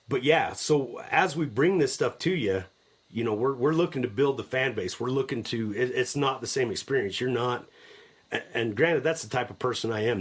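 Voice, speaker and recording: A middle-aged man hosting a live podcast, chatting casually and enthusiastically, often repeating his words as he goes. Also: mid-range voice. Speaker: podcast host.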